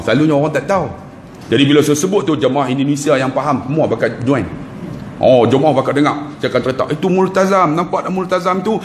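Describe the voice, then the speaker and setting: A man's voice: a little high, roomy sound, a little hiss or hum. A man with a Malaysian Malay accent, a religious teacher giving a humorous lecture who tells a story, acts out the dialogue and laughs between lines. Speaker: ustaz, religious speaker.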